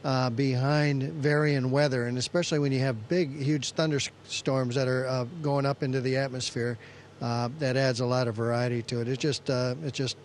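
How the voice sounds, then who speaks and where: A man speaks as an experienced astronaut in an interview. His voice sits at a middle pitch and his delivery is measured and halting. Faint noise sits behind the link. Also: little pitch movement. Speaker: veteran astronaut being interviewed. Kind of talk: conversational interview answers. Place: aboard space station. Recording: noisy space station downlink.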